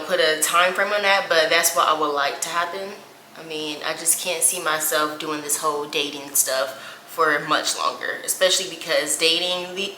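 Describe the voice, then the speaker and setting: This woman's fairly low voice comes across bright and forceful, captured in a low-quality recording with room echo and slight hiss or hum. She's a twenty-something beauty vlogger from Indianapolis, USA, talking casually as she does her makeup and dropping plenty of "y'all" and "like."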